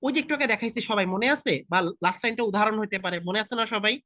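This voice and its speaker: Bangladeshi man in his 30s, online IELTS tutor, bright forceful tone, raised pitch, chatty and direct, video-call sound. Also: fast, dry recording. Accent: Bangladeshi Bengali. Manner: casual, mixes in English, quizzes students directly. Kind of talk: online class lecture.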